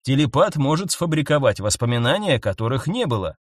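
A man voicing a curt, stern private detective who speaks slowly and commandingly. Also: mid-range voice, sing-song, slightly rough, dry recording, studio quality. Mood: skeptical. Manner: slow, clipped, commanding.

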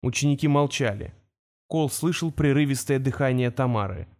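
A man narrating a fantasy story in a steady, expressive reading. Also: mid-range voice, moderate pace. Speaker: audiobook narrator.

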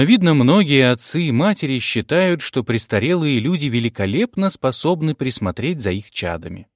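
A man's voice: medium pitch, dry recording, clean studio sound. A man narrating an audiobook in the first person, wry and polite.

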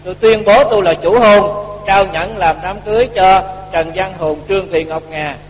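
A man's voice: high voice, moderate pace. A man, a monk giving a folksy dharma talk and acting out the dialogue of his stories. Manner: folksy, colloquial, acts out dialogue. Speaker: Buddhist monk teacher. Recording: dull lo-fi recording, long hall reverb, faint hum.

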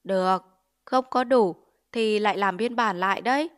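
A woman's voice: medium pitch, moderate pace, smooth, natural voice. A woman voicing a greedy, bullying male village chief who sneers and makes threats in a Vietnamese storybook reading. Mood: sly. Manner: blustering, sneering, extorting.

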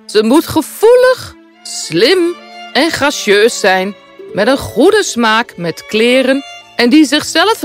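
Woman playing a haughty, dramatically swooping fairy tale queen. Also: fairly high pitch. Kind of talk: storybook voice acting.

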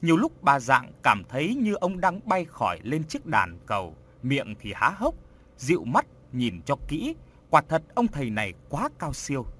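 Male audiobook narrator, husky, dramatic, lively pitch swings. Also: normal speed. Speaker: storyteller. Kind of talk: audiobook horror story narration.

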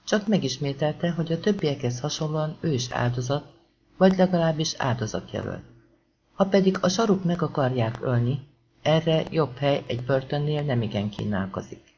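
A man reading an audiobook in a steady, measured storytelling manner. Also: on the high side. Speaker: audiobook narrator. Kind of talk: scripted audiobook narration. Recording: dull lo-fi audiobook recording.

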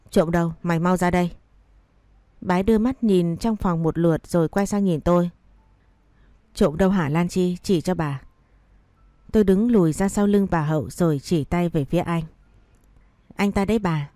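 A woman's voice: fairly low pitch, warm tone, no room sound. A woman narrating a first-person story and reading all the characters' lines herself.

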